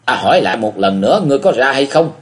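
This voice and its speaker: A man's voice: medium pitch, animated, fast talker, lightly acted. A man reading a martial-arts audiobook, voicing a stern young male swordsman hero who speaks coldly and commands. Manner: cold, commanding. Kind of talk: audiobook character voice.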